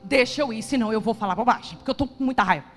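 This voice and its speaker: Woman preacher doing a sulky angry teenage boy, low and muttered, reverberant room. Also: very fast, close to an everyday voice.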